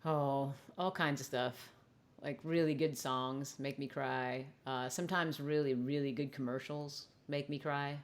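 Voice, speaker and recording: A woman's voice: very deep voice, fairly even intonation, unhurried. A woman hosting a casual chat, giggling and laughing often as she talks. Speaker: host.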